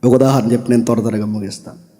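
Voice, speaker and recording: A male preacher delivering a fervent sermon, swinging between loud cries and low, intense asides. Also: fairly even intonation, racing, big-room sound. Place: large seminar hall.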